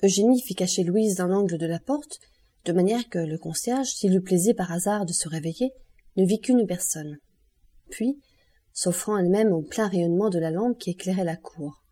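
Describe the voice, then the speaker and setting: A woman reading a classic novel aloud as an audiobook, in a measured, even storytelling manner. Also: on the low side, breathy edge. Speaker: audiobook reader.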